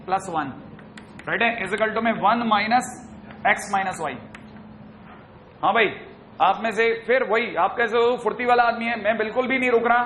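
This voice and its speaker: High-voiced brisk chatty male teacher. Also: sharp tone, a little hiss or hum. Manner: brisk, chatty, teasing the students. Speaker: math teacher. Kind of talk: classroom lecture.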